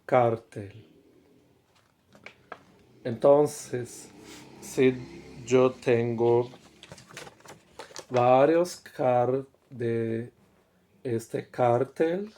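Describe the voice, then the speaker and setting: A male Spanish teacher giving a slow classroom explanation, repeating each word and checking in with his students. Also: medium pitch, mellow, a little hiss or hum.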